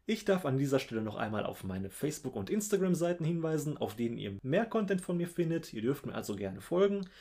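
Male podcast host, husky tone, animated dramatic delivery of comic verse. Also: quick pace, few pauses. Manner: dramatic, wry recitation with lively pitch swings. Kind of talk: podcast with recited vowel poems.

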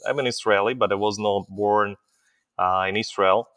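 A man's voice: on the low side, fairly even intonation, moderate pace, a bit bright, no room sound. A middle-aged man born in Ukraine, a company CEO telling his story as an interview guest, with many hesitant fillers.

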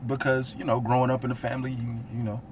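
A man hosting a casual group podcast chat, talking in halting starts and restarts and laughing easily. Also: medium pitch, completely flat delivery, a crowd in the background. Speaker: podcast host.

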